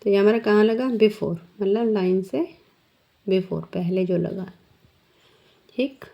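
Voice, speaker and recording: In a slow, patient, step-by-step shorthand lesson, a woman teacher poses questions to her class. She speaks in a steady, mellow, medium-pitched voice with vocal fry, and the recording has a dull lo-fi quality.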